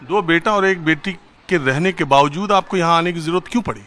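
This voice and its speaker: A male field reporter asking gentle questions and explaining the situation to camera in an on-location interview. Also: on the high side, brisk, a little hiss or hum.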